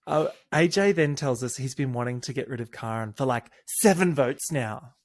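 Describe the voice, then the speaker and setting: A man's voice: medium pitch, lively intonation, moderate pace. A man co-hosting a podcast, recapping a reality show in camp, gossipy casual chat. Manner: camp, gossipy, quotes people in put-on voices. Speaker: podcast co-host.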